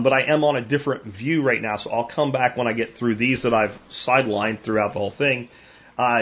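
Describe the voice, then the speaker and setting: A man's voice: mid-range voice, fairly bright tone, muffled recording. A man hosting a homesteading show, talking casually and with strong opinions as he answers viewer questions. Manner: folksy, opinionated, with frequent restarts and tag questions. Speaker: homesteading podcast host.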